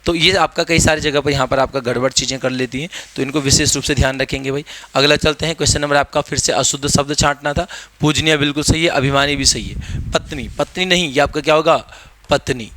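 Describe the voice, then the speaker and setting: Guy tutor going thru exam answers, kinda high and really bright voice, punchy emphasis. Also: brisk, slight background noise. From India. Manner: explains step by step, lively and emphatic. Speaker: teacher. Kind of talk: exam-prep lesson.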